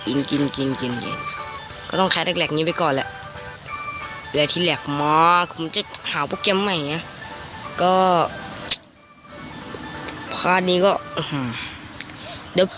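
A man's voice: sits high, fairly even intonation, a little slow, long pauses. A young man with a cold, chatting casually and cursing now and then as he comments on his own gameplay. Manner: chatty, swears when frustrated. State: has a cold. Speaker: gameplay YouTuber. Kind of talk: casual Let's Play commentary. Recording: music playing behind.

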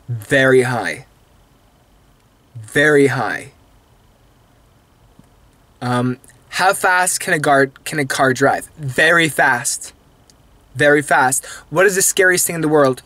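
A man's voice: medium pitch, a bit bright, no echo. A young man in his twenties, not a native English speaker, rambling playfully and mocking himself in a late-night vlog from a parked car, filmed on a phone held at arm's length. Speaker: vlogger. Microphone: phone camera held at arm's length.

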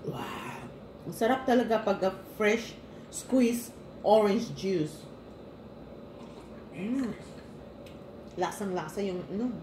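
A woman's voice: mid-range voice, slow, pauses often. Lady vlogger right after a sip of juice, chill food chat, echoey room with a little hiss. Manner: relaxed, savoring food between remarks. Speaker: mukbang vlogger. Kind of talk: casual eating vlog chat. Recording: echoey room with faint noise.

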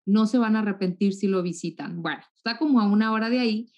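A woman's voice: mid-range voice, fast talker, dull audio. A woman in her thirties from Monterrey with a northern Mexican accent, chatting as a guest over a video call. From Mexico, raised in Monterrey. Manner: warm chatty, repeats words when restarting. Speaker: guest, TV journalist. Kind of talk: casual interview chat. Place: home room, indoors. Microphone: video call webcam.

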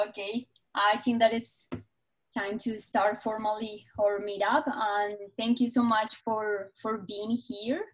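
A woman's voice: mid-range voice, flat delivery, slow, rough recording. Young woman on a video call, hesitant, hunting for words as she hosts. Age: young adult. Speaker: host of a museum reading club.

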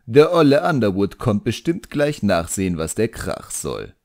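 A man's voice: lowish voice, sing-song, darkish tone, no echo, studio quality, pitched above the performer's own voice. A man reading an audiobook, voicing an ancient sardonic male djinn who mocks and draws out his words. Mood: mocking. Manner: mocking, drawn-out, teasing.

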